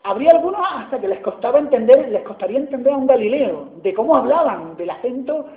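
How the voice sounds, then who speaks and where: A man's voice: very high-pitched, lively intonation, fast talker. A man from Spain with an Andalusian accent, preaching a sermon in a chatty way and often asking his listeners "¿no?". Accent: Andalusian Spanish. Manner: conversational, asks "¿no?" often. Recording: echoey hall over a tinny line.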